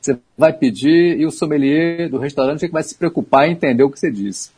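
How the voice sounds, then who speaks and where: A man's voice: on the high side, fast, darkish tone, slightly rough. A man talking about wine on a radio show, explaining things in an easygoing way with small asides.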